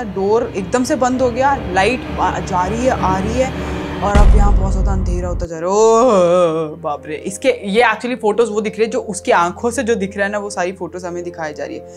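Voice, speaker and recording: A young woman casually reading out a creepy text story and reacting to it, animated and mixing English phrases into her talk. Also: medium pitch. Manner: animated, mixes English into chat, reacts with gasps and laughs. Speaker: YouTuber reading creepy texts. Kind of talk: casual storytelling read-aloud.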